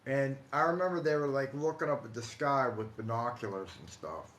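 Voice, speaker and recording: Hosting a paranormal storytelling live stream, an American man in his forties from Ohio shares personal stories with viewers in a casual, halting, conversational manner, repeating himself. His voice is medium-pitched and a bit bright. There's a roomy echo and some light background noise.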